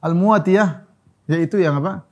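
A man preaching a sermon. He tells jokes and laughs, drawls Arabic phrases slowly, and pushes his voice high and loud when he urges his listeners. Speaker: Islamic preacher.

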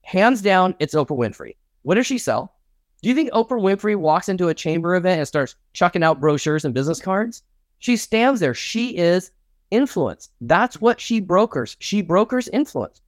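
A man's voice: sing-song, normal speed, dry recording. A middle-aged man, a networking expert guest, talking with punchy enthusiasm in an interview. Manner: enthusiastic, punchy, acts out his own pitches. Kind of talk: energetic interview talk.

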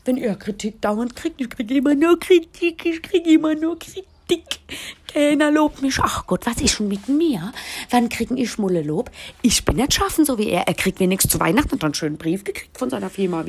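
Gravelly, husky woman ranting bluntly. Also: mid-range voice. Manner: blunt, crude, exasperated ranting. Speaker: podcast host. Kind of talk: comedic monologue rant.

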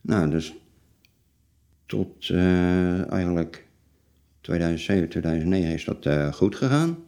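A man of forty-seven, answering personal interview questions in a halting, blunt, plain-spoken way. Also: low voice, dark tone. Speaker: interview guest telling his life story.

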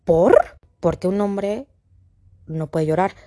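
A young Mexican woman hosting a podcast, talking casually and acting out quoted voices with big jumps in pitch. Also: expressive, slow pace, mellow. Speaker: podcast host. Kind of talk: casual monologue.

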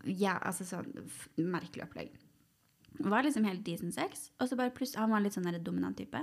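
A woman's voice: medium pitch, vocal fry. A young woman talks as a podcast co-host in a loose, casual chat. She is blunt and teasing, and she laughs easily.

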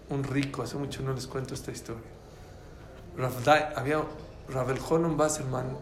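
A man teaching a lively religious class, telling stories and quizzing his listeners. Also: medium pitch, slight background noise. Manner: animated storytelling, quizzes listeners. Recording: echoey room, faint ambience.

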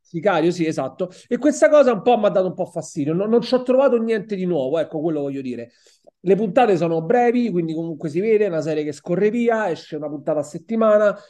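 An Italian-accented man whose voice sits high with a dark tone talks quickly and expressively as co-host of a casual film and TV review podcast. Discussing a TV series, he often repeats words while reaching for the next one.

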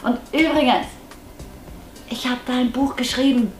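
A woman's voice: high voice, steady tone, measured pace. Effusive woman vlogger in an echoey room. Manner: effusive, earnest and upbeat. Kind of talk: chatty monologue to the viewer. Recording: echoey room with faint music behind.

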